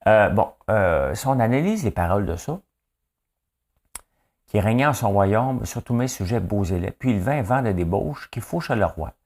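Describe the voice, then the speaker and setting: On his daily news show, a Québécois man offers casual solo commentary full of jokes, rambling and asides. His voice is on the low side and a little mellow, animated and delivered at a normal speed.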